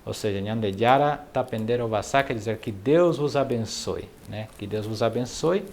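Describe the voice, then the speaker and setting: A man giving a casual online language lesson. He repeats phrases slowly and carefully, explains them in quick asides and talks to his viewers directly. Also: on the low side, animated, gravelly, darkish tone. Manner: friendly, addresses viewers directly. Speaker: language teacher.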